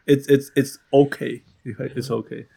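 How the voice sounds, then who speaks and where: Male podcast host, Taiwanese accent, gravelly fry, casual code-switching into English, repeats himself for emphasis. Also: medium pitch, level tone, slow pace, warm tone. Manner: switches between Mandarin and English mid-sentence. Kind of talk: casual sports chat.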